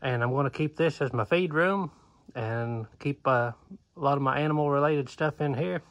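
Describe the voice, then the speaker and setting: A man's voice: a little high, moderate pace, fairly bright tone. A man, talking casually through a walkthrough of his barn, easygoing and plainspoken with lots of "uh" fillers, recorded on a phone held at arm's length in an open wooden barn. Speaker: homesteader vlogger. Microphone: phone camera held at arm's length.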